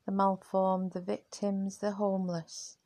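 A woman voicing a compassionate Titan goddess who proclaims slowly and deliberately. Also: medium pitch, level tone, warm tone, no room sound. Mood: solemn.

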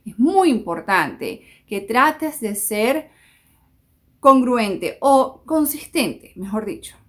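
A woman's voice: fairly high pitch, big pitch swings, slow pace. A woman giving job-search advice in a conversational style, speaking straight to her listeners and switching into English to act out phone calls. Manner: conversational and explanatory, addressing listeners directly. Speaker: career and job-search advisor. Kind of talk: direct-to-camera advice talk.

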